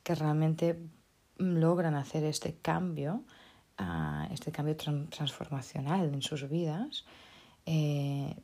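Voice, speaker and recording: Low, gravelly-voiced woman speaker. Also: expressive, slow pace, mellow. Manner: hesitant, with many restarts and tag questions. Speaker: motivational speaker. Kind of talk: unscripted motivational talk.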